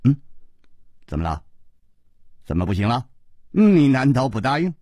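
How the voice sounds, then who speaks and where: A storyteller voicing a calm, teasing male hero who speaks low and slow. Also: no echo, clean studio sound. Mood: puzzled.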